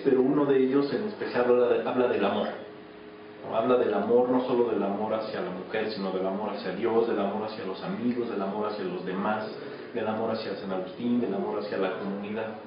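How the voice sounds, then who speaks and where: A man in his thirties with a Mexican accent, a radio drama actor, answers interview questions casually in a small office. His voice is lowish, fairly quick, and fairly even in intonation. The camera audio is noisy, muffled, echoey, and distant.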